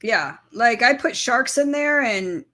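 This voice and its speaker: A woman with a somewhat high voice hosts a relaxed livestream from a van. She chats easily with her viewers and often breaks into giggles. Her talk is loose, friendly and informal. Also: slow. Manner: giggly, chatty, laughs often. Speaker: livestream co-host. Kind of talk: casual livestream chat.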